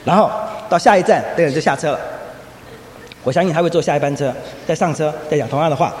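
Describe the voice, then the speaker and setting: A man preaching a sermon, telling lively anecdotes and acting out the voices of people in his stories. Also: a little high, fast. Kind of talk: sermon with storytelling. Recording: echoey hall, faint ambient noise.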